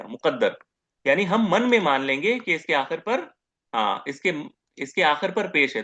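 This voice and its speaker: A man giving a grammar lecture as teacher, posing questions to the class, answering them himself and repeating each term slowly. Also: high voice, a bit bright. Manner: asks questions and answers them himself, repeats terms, says "okay" often.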